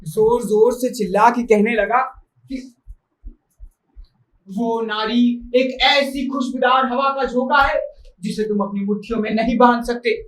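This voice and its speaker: A woman's voice: a little high, fairly even intonation, slow. A woman playing a teasing, good-humoured husband in a stage play, who quotes lofty praise with mock grandeur. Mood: playful. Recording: roomy hall from far off.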